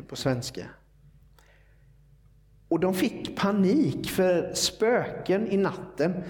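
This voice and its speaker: A man delivers a sermon in a relaxed, explanatory manner. His voice sits a little higher than most men's. He talks it through casually, with fillers and quick asides. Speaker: preacher.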